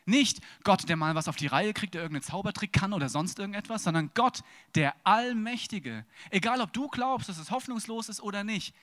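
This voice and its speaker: A man preaching a sermon on stage, with a lively, dramatic delivery that swings from loud to hushed and acts out casual dialogues. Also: high voice, a little fast, few pauses. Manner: plays out casual dialogues with God.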